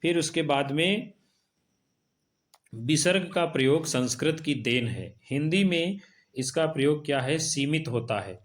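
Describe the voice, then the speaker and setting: A man's voice: on the high side, animated. A man teaching a Hindi spelling lesson, reading word pairs aloud and drilling each as wrong or right, often asking himself a question and answering it. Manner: slow, measured drilling with repeated "wrong, right" pattern; asks rhetorical questions and answers them himself.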